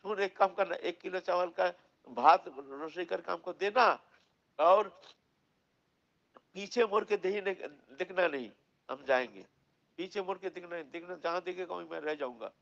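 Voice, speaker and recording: A man voicing a gentle, teasing male deity who speaks in soft, measured commands. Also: high voice, creaky, lo-fi sound.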